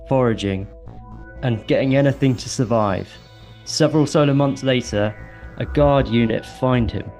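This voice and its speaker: A man's voice: mid-range voice, darkish tone. A man co-hosting a podcast, casually retelling a long story with many ums and restarts. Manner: rambling, many ums and self-corrections. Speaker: podcast co-host.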